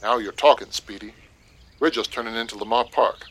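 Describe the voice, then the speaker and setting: A man voicing a gruff, wisecracking police officer who needles his friend. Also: mid-range voice, fairly quick, a bit bright, close to an everyday voice. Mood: needling. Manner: dry, needling, complaining. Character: gruff, wisecracking middle-aged male cop.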